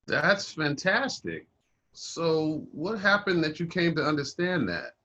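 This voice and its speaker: A man playing a facilitator who leads a group talk with calm, encouraging questions in a video-call play. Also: on the high side, slow. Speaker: workshop facilitator on race.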